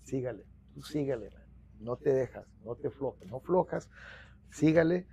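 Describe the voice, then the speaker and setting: Heard through a muffled lapel mic with a little hiss or hum in a small office, this middle-aged Mexican-American man from the United States speaks at a measured pace in a medium-pitched voice with vocal fry. As a union organizer in a storytelling interview, he spins long tales in Spanish mixed with English, restarting frequently and gesturing animatedly with his hands.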